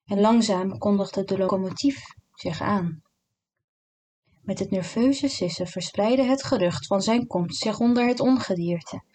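Woman narrator, literary audiobook, calm and measured, mid-pitched.

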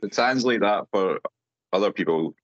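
A man's voice: on the low side, lively intonation, normal speed, no room sound, muffled recording. A man co-hosting a casual movie podcast, dry and matter-of-fact. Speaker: podcast co-host.

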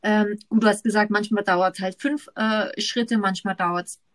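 A young woman co-hosting a podcast, asking questions hesitantly with many pauses and fillers. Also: medium pitch, steady tone, no echo. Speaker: podcast co-host. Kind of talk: casual podcast chat.

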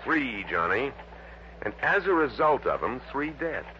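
In a 1960s radio drama, an actor plays a businesslike American insurance office man briefing an investigator, explaining matters deliberately and matter-of-factly. His medium-pitched voice has a sing-song quality. The old radio recording is noisy, dull, and lo-fi.

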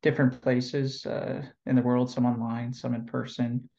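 In an interview about his career as an NLP trainer, a California man with a medium-pitched voice and vocal fry answers calmly and thoughtfully, filling his speech with pauses and fillers. The recording's highs are cut off.

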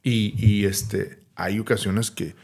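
A man in a casual podcast chat, reflecting out loud and searching for words as he goes. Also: on the low side, fairly even intonation, takes it slowly, gravelly, husky. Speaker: podcast co-host. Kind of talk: casual conversation.

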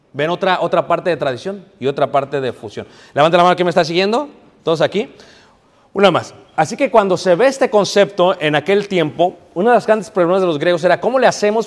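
A man preaching a sermon to a congregation, telling stories, asking the audience questions and mixing in English. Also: fairly high pitch. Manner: storytelling, asks the audience questions, mixes in English. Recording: reverberant hall.

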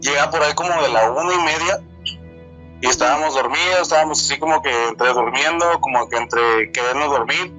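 Young mexican guy telling his story, stumbles and repeats words a lot, kinda high bright voice, faint music under it. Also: rough recording. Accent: Mexican Spanish. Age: 20s. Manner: halting, repeats words and restarts often. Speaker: storyteller sharing a true encounter. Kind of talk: casual spoken testimony.

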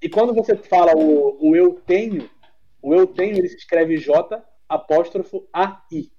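A man's voice: a little high, moderate pace. Man, Brazilian Portuguese accent, blunt and cursing, casual podcast chat, lo-fi muffled remote audio. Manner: blunt, swearing, animated storyteller. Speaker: podcast guest.

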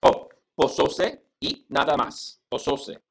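Halting man learning to recite in Spanish. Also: fairly high pitch, very animated, a bit bright. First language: English. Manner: halting, repeats words syllable by syllable. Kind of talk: practicing poetry recitation in a lesson.

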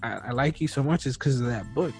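Soft background music sits behind this thirty-something male podcast host, who talks fast in a mid-range, somewhat dark voice. His casual chat wanders, packed with filler words and false starts.

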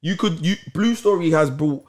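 A man's voice: on the high side, moderate pace, a little mellow. Laid-back man hosting a chat. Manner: laid-back, repeats phrases, London slang. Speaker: podcast host. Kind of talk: casual chat.

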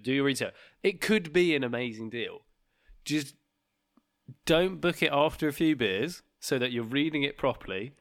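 A man co-hosting a travel podcast in casual chat, joking and mimicking sales pitches. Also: a bit bright, no echo, studio quality. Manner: jokey, slips into mock sales voices. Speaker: podcast co-host.

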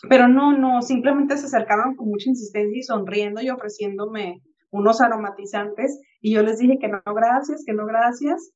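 Her voice on the high side and her pace moderate, a podcast co-host in her thirties from Tijuana, Mexico, shares a reflective, everyday anecdote in casual conversation. She animatedly performs the voices of those she quotes. The audio has its highs cut off.

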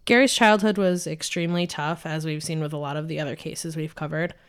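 A young woman from New York state hosting a casual true-crime podcast, chatty and quick to laugh as she tells the story. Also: low voice, fairly even intonation, smooth. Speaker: podcast host narrating the case.

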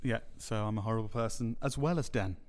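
A man co-hosting a podcast, telling stories with animated, laughing delivery. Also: fairly low pitch, fast. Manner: animated storyteller, laughs through anecdotes. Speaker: podcast co-host. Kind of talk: casual chat.

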